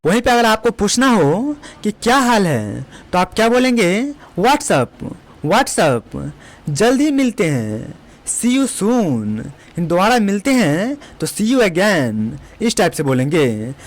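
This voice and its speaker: A spoken English teacher giving a beginner lesson, who says each example phrase slowly and repeats it before explaining it. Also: mid-range voice, very animated.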